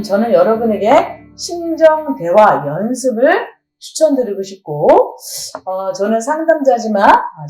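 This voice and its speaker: A woman's voice: medium pitch, dark tone. A middle-aged woman, a counseling professor, lecturing and asking her audience rhetorical questions. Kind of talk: lecture on family communication. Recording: roomy echo, faint music.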